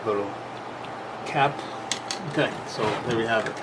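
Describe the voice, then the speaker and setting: In a lowish voice at a measured pace, a man demonstrates a repair casually and off the cuff, thinking aloud in plain language as he goes. Loud background noise fills the noisy camera recording.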